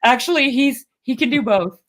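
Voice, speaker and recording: With a high-sitting voice at a moderate pace, this Canadian woman co-hosts a podcast and rambles through a personal story in casual chat. She's chatty, laughing often and restarting her thoughts again and again.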